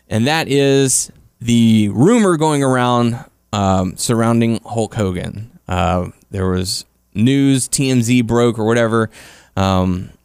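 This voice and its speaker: A man's voice: lowish voice, darkish tone, clear, resonant tone, no room sound, studio quality. A man hosting a casual sports talk podcast, interviewing a guest and introducing topics in conversational language. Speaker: podcast host.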